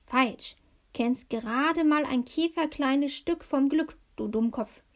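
A woman's voice: sits high, takes it slowly. A woman voicing a plump, cheeky female luck fairy in a storybook reading, with a sing-song, teasing manner.

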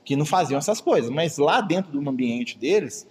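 A man's voice: on the high side, animated, moderate pace, slight background noise. Guy leading bible study, chatty, long echo from the hall. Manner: chatty, keeps asking "né?". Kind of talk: informal religious study lecture.

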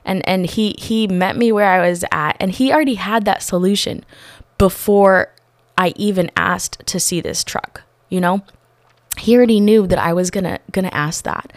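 A woman telling a personal faith story in an earnest, animated way, acting out the people she quotes. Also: medium pitch, normal speed, dry recording. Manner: many restarts and fillers. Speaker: storyteller sharing a faith testimony. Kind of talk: casual personal testimony.

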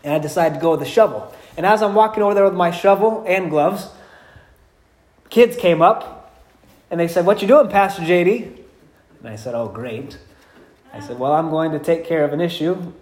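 A man's voice: a little high, lively intonation, moderate pace, long pauses, a little mellow. A man preaching a sermon as pastor, telling stories with humor and acting out the quotes. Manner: storytelling, acts out quotes with humor. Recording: echoey room.

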